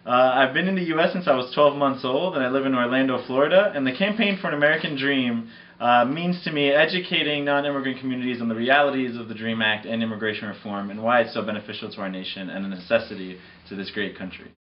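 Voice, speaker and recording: A man's voice: medium pitch, fast, muffled recording. A man in his twenties from Brazil gives a polite, earnest statement to camera indoors. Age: 20s. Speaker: activist giving a statement. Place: indoors before a curtain.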